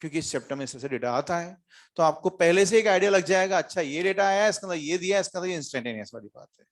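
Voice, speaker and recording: A man's voice: high voice, expressive, very fast. A man teaching a physics class to students, questioning them often and mixing in English terms. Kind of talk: classroom lecture.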